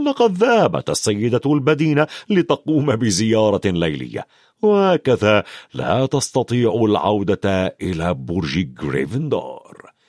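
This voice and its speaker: A man narrating an audiobook dramatically, dropping to a hush for suspense. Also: fairly low pitch, sing-song, moderate pace, no echo, studio quality. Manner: dramatic, swings from loud to hushed.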